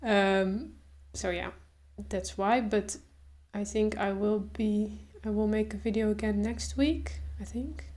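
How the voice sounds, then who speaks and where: In a casual talk to camera, a young woman video creator stutters openly, repeating sounds and pausing along the way. She then eases into a relaxed, slow delivery, her voice mid-range throughout.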